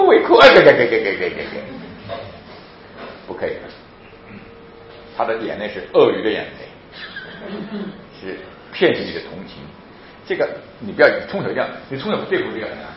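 A man giving a lively sermon-style talk on parenting, laughing often and acting out children as he goes. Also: fairly low pitch. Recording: very echoey, dull lo-fi with faint noise.

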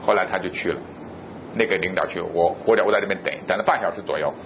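Animated middle-aged man preaching, muffled audio. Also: quick pace. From Guangzhou area of southern China. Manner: animated storytelling, acting out both sides of dialogue; emphatic, sudden jumps in pitch and loudness. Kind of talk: sermon with a personal anecdote. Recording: muffled recording with faint low rumble.

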